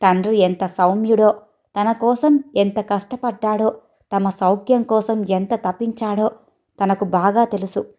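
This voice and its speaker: A woman narrates a family story in a steady, clear reading voice. Her pitch sits in an ordinary middle range. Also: unhurried.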